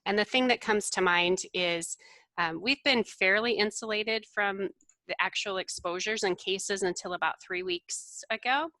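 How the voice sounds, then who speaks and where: A woman from Iowa who works at a community college, telling a story as a guest on a video call in a steady, matter-of-fact way. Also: mid-range voice, measured pace, dry recording, low-quality recording. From Iowa, United States.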